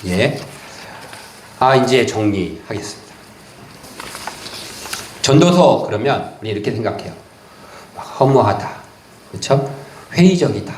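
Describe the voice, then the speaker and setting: A man preaching to his congregation in a roomy, echoing church hall. His pitch swings widely as he talks. He reads scripture slowly, then retells it in plain, chatty speech. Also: slight background noise. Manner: lively conversational preaching, reads verses slowly then paraphrases in casual speech. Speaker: pastor. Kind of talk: sermon. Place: church sanctuary.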